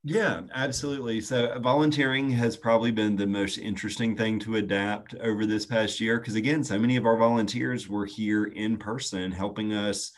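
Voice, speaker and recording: A man, answering interview questions earnestly and at a measured pace with frequent "um" fillers. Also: on the low side, steady tone. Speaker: youth nonprofit staff guest.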